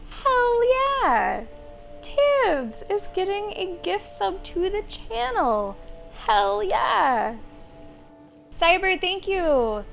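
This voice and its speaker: Her voice is very high and gravelly as she narrates a live game session in a relaxed way. This female streamer chats with her audience, addressing viewers and thanking them, over the game's audio with soft music underneath.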